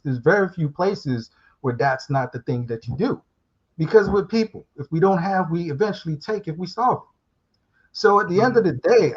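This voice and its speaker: A man from Guyana calling in to a live talk show, rambling and reflective with casual street slang. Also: a little high. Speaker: guest calling in. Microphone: remote call. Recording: muffled call audio.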